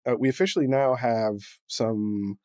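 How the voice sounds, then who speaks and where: A man's voice: medium pitch, fairly even intonation, moderate pace, a little mellow, no room sound, clean studio sound. Joking male podcast co-host. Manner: loose, joking, with many fillers and restarts. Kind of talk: casual podcast chat.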